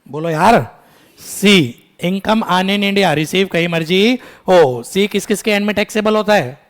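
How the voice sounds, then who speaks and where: A man teaching a tax lecture in Hindi mixed with English, quizzing his students, calling them "beta" and scolding them briskly. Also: high-pitched. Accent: Indian English. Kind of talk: classroom lecture.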